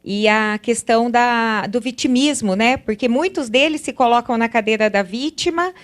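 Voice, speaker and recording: A woman co-hosting an interview, agreeing warmly with her guest and asking follow-up questions in a casual conversational way. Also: a little high, moderate pace. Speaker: interviewer, co-host.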